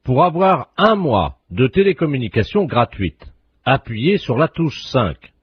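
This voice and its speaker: A deadpan phone-menu operator, played by a man, reels off silly options in a flat, official cadence. His voice is very husky and lively in pitch. It sounds dull and muffled. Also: measured pace, exaggerated voice. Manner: stiff recorded-menu delivery. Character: male phone-company automated operator, absurd.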